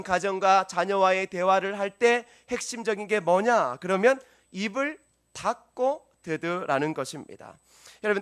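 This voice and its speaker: High-voiced preaching male pastor. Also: a bit bright. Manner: earnest preaching, asks the congregation questions. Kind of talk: sermon. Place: church sanctuary.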